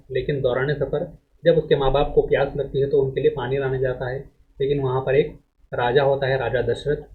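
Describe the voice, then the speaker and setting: A male teacher reads a text aloud to students and explains it, speaking in a measured lecturing way. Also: mid-range voice. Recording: phone-like narrow band audio.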